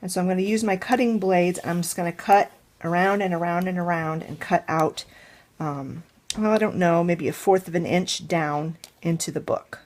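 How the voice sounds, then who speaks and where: With a fairly low, darkish voice and a moderate pace, the crafting channel host explains each step of her home tutorial while thinking aloud. She sounds stuffed up, as if her nose is congested.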